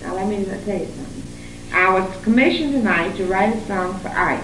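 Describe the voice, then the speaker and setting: A woman's voice: mid-range voice, animated, a little fast, noisy background. A woman songwriter bantering playfully with friends and laughing often. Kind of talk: casual chat among friends. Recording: old echoey tape recorded from far off.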